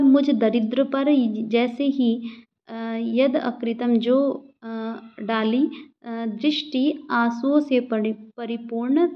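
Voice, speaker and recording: Woman teacher, slow and methodical, repeats each phrase; muffled lo-fi audio. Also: a little high. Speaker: Sanskrit teacher. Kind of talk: line-by-line Sanskrit explanation in Hindi. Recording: dull lo-fi recording.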